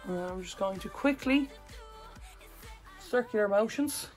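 A woman's voice: medium pitch, unhurried, darkish tone, soft background music. A woman chatting casually through a makeup tutorial as a vlogger, rambling and correcting herself as she goes.

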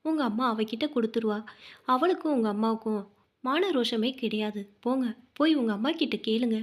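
A woman voicing a scheming young daughter-in-law who scolds in a sharp, accusing way. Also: fairly high pitch, moderate pace, close to an everyday voice. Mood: scolding.

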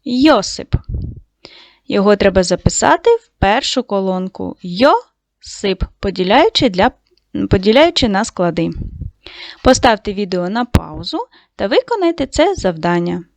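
A woman teaching a lesson to young schoolchildren, giving slow, clearly articulated instructions. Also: medium pitch, big pitch swings, dry recording. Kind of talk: online lesson for young children.

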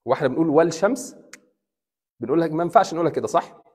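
A man with an Egyptian Arabic accent, an imam giving a classroom lecture in Arabic and English, explaining slowly, repeating examples and asking his students questions. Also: fairly high pitch, a little mellow, big-room sound. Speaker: imam teaching Quran recitation. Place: mosque hall.

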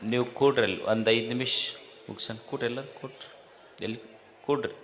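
Addressing a festival crowd, a man with a North Karnataka Kannada accent delivers a spiritual talk at a moderate pace, his mid-range voice fairly even in intonation. Repeated lines and rhetorical questions build in intensity, and he quiets the audience with firm humor. A little hiss or hum can be heard.

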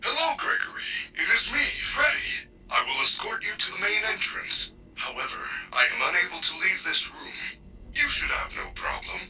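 An actor playing a gentle, caring male animatronic bear robot who speaks in polite, formal, soothing robotic sentences. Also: extremely low pitch, very animated, normal speed, vocal fry, full character voice. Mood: gentle, helpful. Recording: game audio, slightly distant, faint music.

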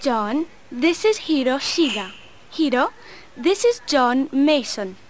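A woman speaking in a scripted textbook listening recording, slow and carefully enunciated. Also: sits high, sing-song, slight background noise, heavily acted. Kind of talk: scripted course audio.

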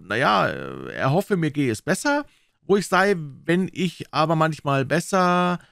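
A man's voice: on the high side, sing-song, unhurried, gravelly, fairly bright tone, clear, resonant tone, no echo, voice pushed up, heavily acted. Brief: a man playing an eager storytelling boy, raised voice, dry audiobook sound. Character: boy, eager, telling a tall tale.

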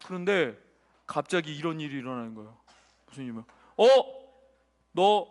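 A man's voice: mid-range voice, expressive, quick pace, fairly bright tone. A male pastor giving a children's sermon, telling a story and asking the children questions. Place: church sanctuary. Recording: church hall reverb.

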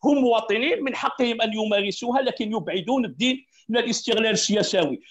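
High-voiced Algerian man arguing emphatically. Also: rapid-fire. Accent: Algerian Arabic. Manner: emphatic, repeats key words, laughs between points. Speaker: panelist. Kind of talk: heated debate argument.

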